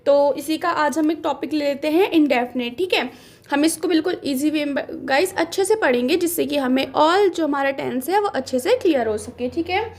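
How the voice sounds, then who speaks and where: A woman with a high, light voice walks her students through a grammar lesson. She speaks patiently and keeps repeating key words slowly as she writes them down. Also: a little mellow. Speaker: teacher. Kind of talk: classroom lesson explaining grammar.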